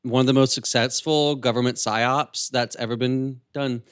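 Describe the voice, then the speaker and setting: A young man co-hosts a podcast in easy, casual conversation. He talks in a playful, chatty way and now and then jumps up high in pitch for emphasis. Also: steady tone, normal speed, smooth. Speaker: podcast co-host. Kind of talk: casual chat.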